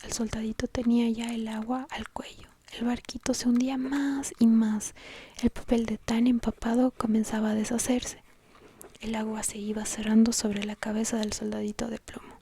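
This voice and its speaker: Softly whispering woman reading a bedtime story. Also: on the high side, level tone, slight background noise. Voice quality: soft, breathy close-up whisper. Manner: slow, gentle, hushed reading. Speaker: ASMR storyteller. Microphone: very close to the mic, whispering into the ear.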